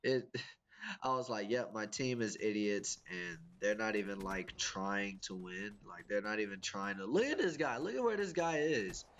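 A young man who is a gaming YouTuber gives casual, profane gameplay commentary and rants about his teammates, his voice congested and sniffly from a cold. It is lowish, expressive and fairly bright, at normal speed.

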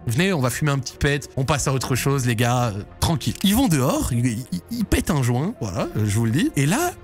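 A man's voice: mid-range voice, sing-song, fairly quick, faint music behind. A young man casually telling a strange story to his viewers, rambling and full of slang and fillers. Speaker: YouTube storyteller.

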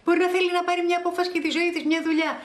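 A woman's voice: very high-pitched, level tone, a little hiss or hum. An actress playing a doting mother comforting her grown son, soothing and fussy. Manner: soothing, fussing. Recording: roomy echo.

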